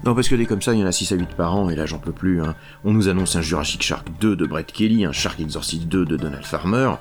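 A man's voice: deep voice, quick pace, soft background music. A man giving a comic spoken film review in a sardonic, exasperated manner.

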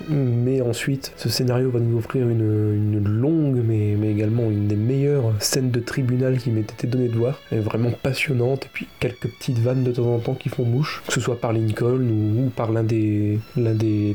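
A man's voice: medium pitch, fairly even intonation, normal speed, hardly any pauses, dark tone, soft background music. A man giving a casual, off-the-cuff film review, often repeating words as he searches for his phrasing.

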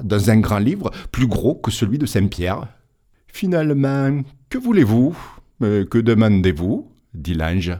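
A man narrating a tale in the first person as a village priest, expressive and dramatic. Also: fairly low pitch, breathy edge. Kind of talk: audiobook storytelling.

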